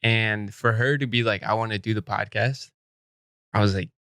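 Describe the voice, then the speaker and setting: A man's voice: lowish voice, steady tone, normal speed, pushed and bright, no room sound, studio quality. A man hosting a podcast, chatting loosely, joking and swearing freely. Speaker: podcast host. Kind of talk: casual chat. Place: podcast studio.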